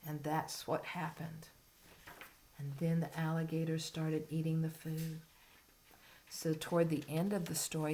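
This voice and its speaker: Slow-paced woman reading to a toddler. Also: sits low, a little hiss or hum. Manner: simple child-directed talk, as if reading to a toddler; expressive storytelling, dropping to hushed asides. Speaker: kindergarten reading teacher. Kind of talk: reading a picture book aloud to a young child, with questions and asides.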